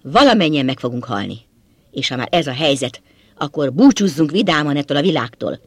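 A man's voice: big pitch swings, no room sound. A man reading a novel aloud, voicing a young male butler who has lost his composure and lashes out bitterly. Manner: shrill, bitter outbursts. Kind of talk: audiobook character voice.

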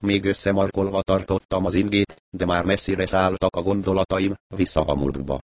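A man reading a first-person novel aloud in a steady, measured storytelling manner. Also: sits low, no room sound. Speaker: audiobook narrator.

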